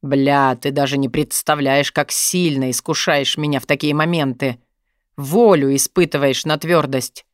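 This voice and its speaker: A woman voicing a gruff, possessive young man who talks in a low, husky murmur in an audiobook. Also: steady tone, a little slow, no echo, clean studio sound. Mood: brooding. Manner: pressing, intense, murmured. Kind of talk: audiobook narration.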